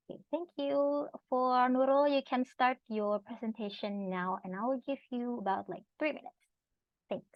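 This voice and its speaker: A woman moderating an online seminar, politely directing speakers and filling pauses with "uh". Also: medium pitch, no echo. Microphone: video call. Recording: slightly muffled, dry call audio.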